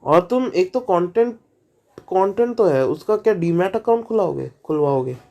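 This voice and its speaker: A man's voice: high-pitched, expressive, normal speed, creaky, darkish tone, highs cut off. A man hosting a reaction video, talking casually and skeptically, asking questions with lots of fillers and restarts.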